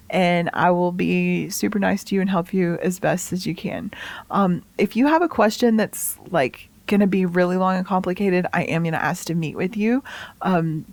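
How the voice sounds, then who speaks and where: A woman college instructor talks students through course policies in a loose, reassuring way, with lots of ums. Her voice sits low. The recording is dry and close. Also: dry recording. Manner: relaxed, reassuring, full of fillers. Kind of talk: casual course orientation talk.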